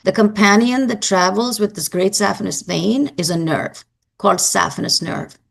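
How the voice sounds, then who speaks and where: A woman giving a live anatomy lecture, brisk and emphatic, quizzing her students as she goes. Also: mid-range voice, creaky.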